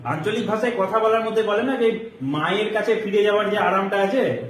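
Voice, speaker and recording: High-voiced man coaching a class. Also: fairly quick, slight background noise. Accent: Murshidabad Bengali. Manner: explains with examples and checks understanding. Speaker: coaching teacher. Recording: echoey room, mic far off.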